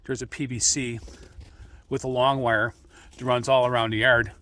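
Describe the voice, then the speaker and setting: A middle-aged American man giving an informal, rambling explanation as a radio hobbyist, speaking in a halting way. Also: medium pitch, flat delivery, sharp tone. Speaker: amateur radio hobbyist hosting an introductory video.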